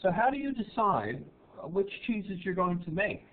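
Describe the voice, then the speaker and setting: A man's voice: high-pitched, very animated, moderate pace. A man hosting a casual TV interview, asking friendly questions with frequent "uh" restarts. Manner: chatty, asks questions with many "uh" restarts. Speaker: TV show host interviewing a cheese maker. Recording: tinny, phone-like lo-fi sound.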